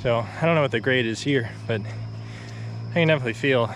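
A young man holding a phone or action camera at arm's length talks through a casual walking vlog on a quiet rural road. His voice is medium-pitched and moderately paced, slightly breathless from going uphill, and he's laid-back and chatty with many fillers and short laughs. There's a slight hiss or hum.

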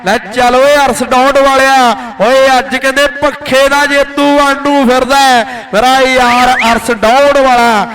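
A man with a Punjabi accent giving frantic, excited rural live sports commentary, repeating phrases over and over as a kabaddi announcer. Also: very high voice, a little slow, hardly any pauses, low-quality recording.

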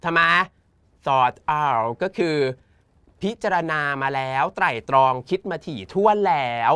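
A man with a Thai accent teaching an English exam lesson in a playful, teasing, campy way, reading the English options slowly. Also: fairly high pitch, expressive, a bit bright, clear, resonant tone, no echo. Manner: campy, teasing, uses feminine polite particles.

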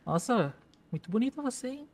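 A man's voice: very high-pitched, big pitch swings, brisk, a little mellow. A man in a game roleplay, sweet-talking and flirting with another character. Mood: flirty. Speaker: roleplay player.

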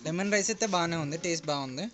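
Upbeat young vlogger man, high voice. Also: rapid-fire, fairly bright tone. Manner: chatty and upbeat, mixing in English words and calling out to viewers as friends. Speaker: travel vlogger. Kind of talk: casual travel vlog. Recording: crowd chatter behind.

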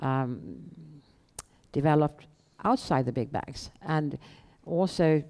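A woman's voice: low-pitched, lively intonation, slow, darkish tone. Middle-aged woman with a Swedish accent. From Sweden. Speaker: guest, bank founder and chief executive. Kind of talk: answering questions in a live on-stage interview. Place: indoor event room on a small stage. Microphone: headset.

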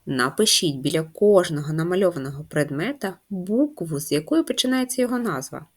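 A woman's voice: fairly low pitch, expressive, a little fast. A woman teacher giving a first-grade handwriting lesson, patient and instructive, spelling out letters and sounds one by one. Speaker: primary school teacher.

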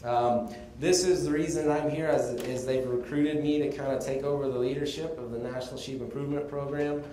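A man from Texas gives a casual conference presentation, explaining things in a relaxed way with the odd chuckle. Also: mid-range voice, brisk, slight background noise. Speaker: conference speaker on sheep breeding. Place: conference room. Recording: echoey conference room, faint ambience.

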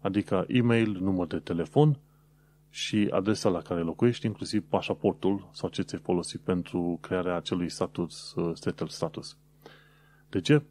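A Romanian man hosts his own podcast in a low, mellow voice, with a slight hiss or hum in the audio. He shares practical tips casually and conversationally, using lots of hesitant fillers.

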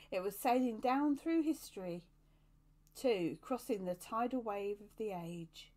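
A woman as storyteller, reading a novel aloud in a steady, even narration. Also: medium pitch.

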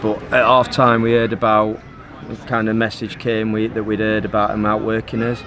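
A middle-aged football manager answers post-match questions outdoors on a pitch, measured, even and level, with frequent fillers. The interviewer holds a handheld phone to record him, and crowd noise carries behind.

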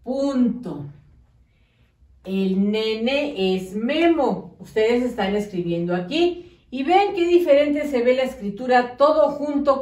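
A woman teacher, dictating to young children slowly and patiently, spelling words out syllable by syllable. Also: fairly high pitch, darkish tone, distant mic. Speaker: primary school teacher. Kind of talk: slow, patient classroom dictation. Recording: echoey room, voice off-mic.

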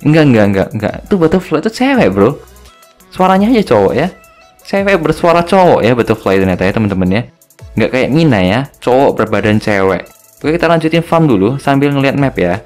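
A man's voice: medium pitch, big pitch swings, brisk, a little mellow. A young man talks through a match in casual, joking commentary. His voice swings up and down a lot as he teases and hurries his teammates along, with faint music playing underneath. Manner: chatty and joking, ends phrases with tag words. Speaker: gaming video host.

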